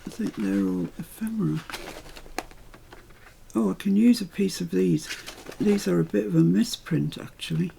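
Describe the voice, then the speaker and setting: A woman's voice: fairly low pitch, animated, normal speed, vocal fry, dark tone, slight background noise. An older British woman chatting through a crafting tutorial at home, rambling into asides as she works.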